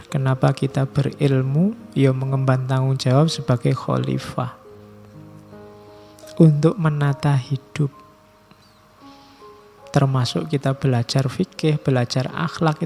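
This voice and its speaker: A middle-aged man giving a philosophy lecture, measured and slowing down to stress key terms, with casual asides. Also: a little high, creaky, darkish tone.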